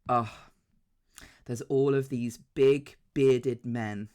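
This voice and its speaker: Chatty man, animated. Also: mid-range voice, very slow, clean tone. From south coast of England. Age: around 40. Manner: animated, chatty, swears casually. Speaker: podcast co-host. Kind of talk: casual chat.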